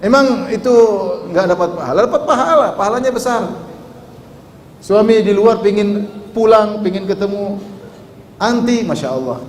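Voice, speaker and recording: A man with a high, animated voice preaches at normal speed but leaves long pauses, playfully questioning his live audience and reciting Arabic with a chanting lilt. Recorded in a large, echoey hall with faint ambience, the audio has a little hiss or hum.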